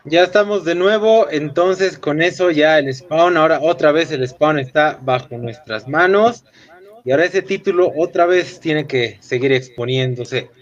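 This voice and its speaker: A man's voice: on the high side, moderate pace. A man giving wrestling commentary as a panelist, recapping matches and repeating phrases as he explains. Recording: dull, lo-fi voice sound.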